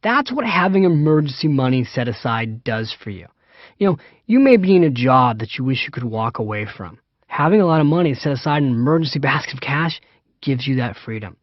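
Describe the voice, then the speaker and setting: A man's voice: medium pitch, sing-song, a little fast, no room sound, lo-fi sound. A man reading his own audiobook in a chatty, anecdotal teaching style, speaking straight to the listener. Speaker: author and personal finance teacher. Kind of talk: self-read audiobook, seminar-like teaching.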